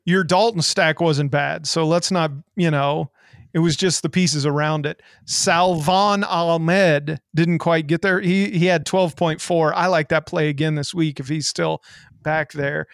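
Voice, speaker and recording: A man with a fairly high voice hosts a fantasy sports show. He talks in brash, boastful showman patter and banters freely. The sound is dry, with hardly any room in it. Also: steady tone, measured pace, gravelly, no room sound. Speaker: podcast host.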